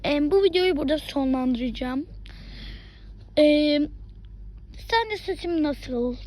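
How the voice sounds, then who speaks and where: A woman vlogging in a casual, rambling chat, sometimes dropping into hushed asides. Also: sits high, expressive, slow pace.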